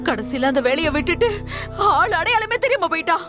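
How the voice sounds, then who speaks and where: A woman's voice: very high-pitched, sing-song, brisk. An actress playing a crying woman who tearfully recounts her father's past in a dubbed horror film. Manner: tearful storytelling. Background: film music.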